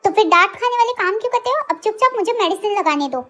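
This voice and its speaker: A woman's voice: very high voice, lively intonation, fast. A woman voicing a caring young woman who pleads and scolds in a dramatized story reading. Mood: scolding.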